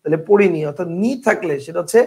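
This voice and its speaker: A man's voice: high voice, gravelly. A man teaching an online spelling class, explaining rules through many examples and often checking that students follow. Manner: repeats words slowly to drill spelling.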